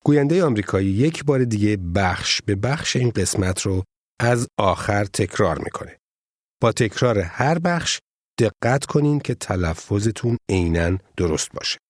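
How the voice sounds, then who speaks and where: A man with a fairly low voice narrates a language course in a measured, formal way. The sound is dry and close, with no room around it. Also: animated, no room sound. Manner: measured, formal teaching delivery. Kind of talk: scripted instructional narration.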